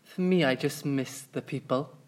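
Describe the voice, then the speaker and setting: A man's voice: mid-range voice, normal speed. A man of twenty-one with a Welsh Valleys accent, chatting casually and unscripted. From Pontypridd, South Wales valleys.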